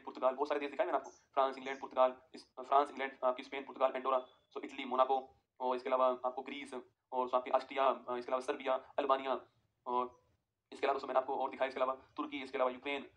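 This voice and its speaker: Guy running an online geography class, talks super fast, keeps repeating himself and asking if students got it. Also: medium pitch, completely flat delivery, fairly bright tone, highs cut off. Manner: repetitive, keeps asking "ठीक है?"; addresses students as friends, gives dictation. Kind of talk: live online class lecture.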